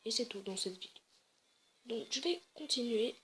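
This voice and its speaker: A woman's voice: fairly high pitch, expressive, normal speed, a bit bright, slight background noise. A woman casually commenting on her game, chatty and hesitant, often correcting herself. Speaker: let's play gamer.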